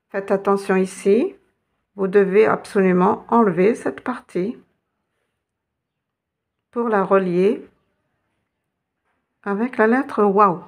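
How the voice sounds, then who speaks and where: A woman teaching a lesson, patiently guiding learners step by step and spelling out letters. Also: mid-range voice. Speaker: Arabic teacher.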